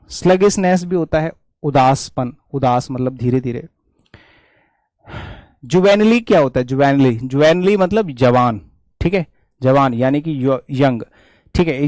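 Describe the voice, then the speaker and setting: Man, fairly high voice, vocabulary lesson, repeats words, dry room. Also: darkish tone, no echo. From India. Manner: repetitive, explanatory, checks in with "theek hai". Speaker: English vocabulary teacher. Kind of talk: exam-prep vocabulary lesson.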